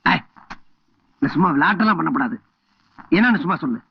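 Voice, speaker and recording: A high-voiced, blustering village headman, quarrelsome and fond of repeating himself. The voice is dry and close, on a dull film soundtrack. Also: animated, fast talker, gravelly, husky, dry recording, exaggerated voice. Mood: bickering.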